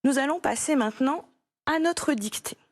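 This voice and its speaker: A French woman teaching a primary school spelling lesson, speaking slowly and clearly, patient and encouraging as she repeats each word for a young pupil. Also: sits high, animated, no room sound, studio quality. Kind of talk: slow, clear classroom instruction to a child.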